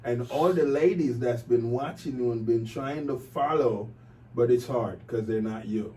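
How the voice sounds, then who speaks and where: A man's voice: mid-range voice, a little slow, mellow, distant mic. A man hosting a podcast interview, casual and colloquial, often affirming his guest. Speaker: podcast host.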